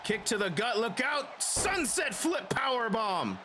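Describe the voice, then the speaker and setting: A man giving excitable play-by-play as a wrestling commentator, shouting and stretching out the big calls. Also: very high voice, measured pace, slight background noise.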